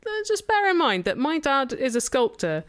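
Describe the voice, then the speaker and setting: A woman co-hosting a podcast who answers in a dry, wry way, quick with comebacks. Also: sits high, big pitch swings, a bit bright. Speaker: podcast co-host. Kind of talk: casual conversational chat.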